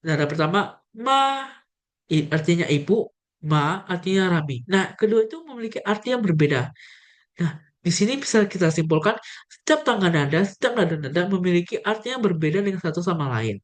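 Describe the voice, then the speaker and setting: A woman's voice: fairly low pitch, expressive, fairly quick. A young woman teaching a casual video lesson on Mandarin, speaking straight to her viewers and demonstrating the tones. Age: young adult. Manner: friendly, addresses viewers directly, demonstrates tones.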